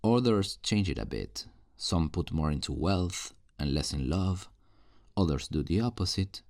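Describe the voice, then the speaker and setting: A voice actor in an ASMR audio roleplay voices a calm, kind afterlife assistant selling new lives to souls, speaking in a low, gravelly tone at a measured pace. His talk is patient, reassuring, and explanatory, like customer service, in a soft-paced scripted one-sided conversation. The studio sound is clean with no echo.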